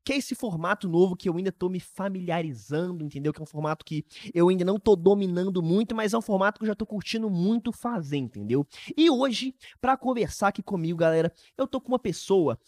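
A man in his early twenties with a Brazilian Portuguese accent, hosting a podcast in casual, animated, slangy chat. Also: sits high, fast talker, hardly any pauses, no echo, studio quality. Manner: animated, informal, heavy use of slang. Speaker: podcast host.

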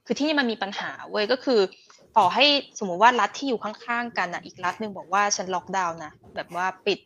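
Fast-talking woman podcast host. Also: mid-range voice, a bit bright. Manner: thinks aloud in long rambling turns. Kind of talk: casual podcast chat. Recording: slightly dull lo-fi sound.

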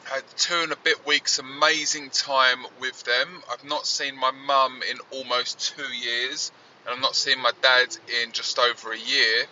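A man's voice: medium pitch, flat delivery, unhurried, bright, forceful tone, recorded from a distance, highs cut off. A man hosting his podcast, talking earnestly and reflectively while driving, his voice coming through with a fuzzy distortion. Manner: reflective, earnest, rambling restarts. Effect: fuzzy distorted sound. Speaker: podcast host. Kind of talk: casual spoken monologue. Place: inside a moving car. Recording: distorted, noisy in-car recording. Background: faint road and engine noise.

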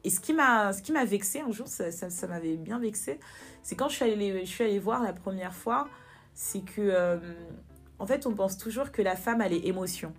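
A young woman speaks at a moderate pace in a medium pitch during a candid interview, with faint music in the background. Her earnest tone turns animated as she recounts events, and she repeats words to emphasize them.

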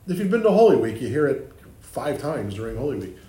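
A man's voice: mid-range voice, very animated, fairly quick, dark tone. A man leading a group Bible study, explaining the text with restarts and questions to the group. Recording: echoey room with faint ambience.

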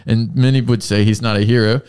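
A man's voice: fairly low pitch, steady tone, a little fast, darkish tone, clean tone. A man in his twenties hosting a podcast, rambling and joking in casual chat and laughing often. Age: 20s. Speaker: podcast host.

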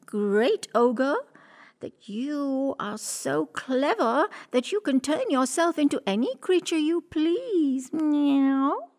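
A woman voicing a clever, scheming female cat who speaks in a high, flattering, pleading way in a storybook reading. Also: slow, exaggerated voice.

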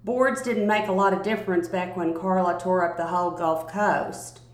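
A woman narrating a first-person story aloud in a calm, measured reading voice. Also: fairly low pitch. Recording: roomy, echoey recording.

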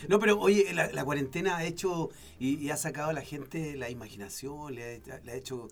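A man's voice: a little high, a little fast, vocal fry. A Chilean man co-hosting a podcast in a casual comedic chat, joking, laughing often and asking naive questions. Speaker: podcast co-host.

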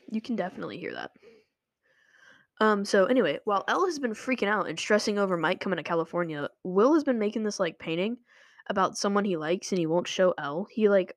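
A woman's voice: medium pitch, dry recording, studio quality. A young woman chatting casually to her viewers, rambling with lots of filler words. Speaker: vlogger. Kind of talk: casual commentary. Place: home room with running water nearby.

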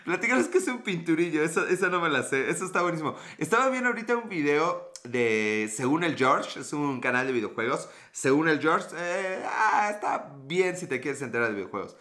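A man's voice: a little high, big pitch swings, brisk, few pauses, sharp tone. A man with a Mexican accent, live streaming and chatting casually with viewers, greeting them and answering their comments in slangy, profane talk.

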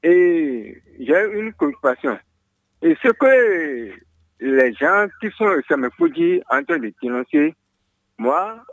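A man's voice: high voice, no room sound. A man calling in to a radio show, rambling and stumbling with many restarts. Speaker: caller. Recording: muffled phone line.

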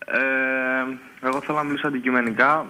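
A young male caller in his twenties from Thessaloniki with a bright, forceful voice. He argues insistently with faint noise on the line behind him. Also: medium pitch, steady tone, rough recording. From Thessaloniki, Greece. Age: 20s. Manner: insistent, eager fan. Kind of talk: phone-in argument.

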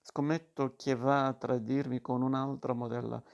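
A sly young woman who models for a painter, from a storybook, read by a man in his own voice. The delivery is quiet and even, with a gravelly edge and little melody. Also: mid-range voice, normal speed, muffled recording, close to an everyday voice. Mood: coaxing.

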